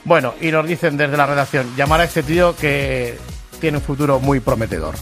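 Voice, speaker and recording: A man's voice: mid-range voice, normal speed, a bit bright. A man hosting a radio comedy show in casual, joking chat. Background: music.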